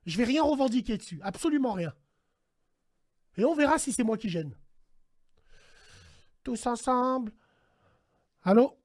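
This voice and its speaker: A man hosting a casual call-in stream, animated and slangy, swinging between hushed dread and loud outbursts. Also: very high voice, measured pace, pauses often. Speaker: host. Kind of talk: casual livestream radio chat.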